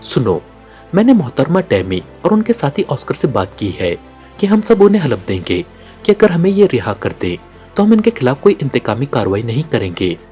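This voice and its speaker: A man's voice: mid-range voice, very animated, moderate pace, mellow, soft background music, close to an everyday voice. A man voicing a sly cool agent hero. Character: sly, calm male secret agent hero.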